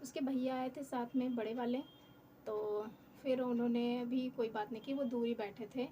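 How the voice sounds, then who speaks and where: Young woman vlogger, high voice, candid and rueful, noisy room ambience. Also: steady tone, moderate pace, dark tone. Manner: candid, rueful, half-laughing while recounting. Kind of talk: personal storytelling vlog.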